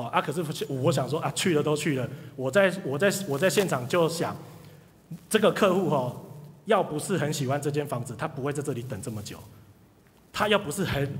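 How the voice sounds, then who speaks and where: A man, telling an audience a lively story about his sales career and acting out the people in it. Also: fairly high pitch. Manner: animated storyteller, acts out quoted people. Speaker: speaker sharing career story. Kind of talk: live motivational talk to an audience. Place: hall with audience. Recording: reverberant hall.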